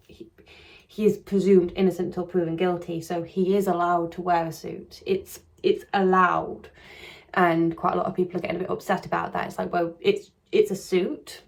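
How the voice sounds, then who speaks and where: A woman with a croaky, lowish voice comes on to comment casually on a true crime case. She rambles and hedges, often restarting her sentences.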